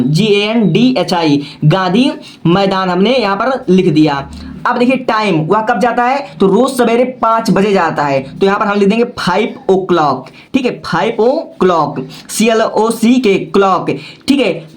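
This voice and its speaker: A male teacher giving a patient, step-by-step lesson, often checking in with "okay" and spelling words out letter by letter. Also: sits high. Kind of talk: classroom-style lesson.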